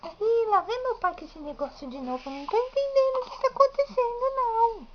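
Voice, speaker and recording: A woman's voice: very high-pitched, a little fast, dull audio, background noise, pitched above the performer's own voice. A woman voicing her baby son as a fussy, grumpy little boy, in baby talk. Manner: baby talk, speaking his thoughts aloud. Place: home.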